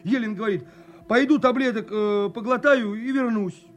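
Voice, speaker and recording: A timid young soldier in an army drama. His voice is strikingly high, and he chatters naively with eager stammers. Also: moderate pace. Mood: eager, flustered. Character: timid, chattering young conscript nicknamed chick.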